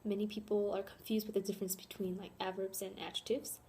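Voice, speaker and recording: Young american woman doing a class talk on grammar, mellow voice, lots of ums, faint hiss behind. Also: mid-range voice, level tone, fast talker. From born in South Korea, raised in Chicago. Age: young adult. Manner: earnest, with frequent ums and spelled-out letters. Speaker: student presenter.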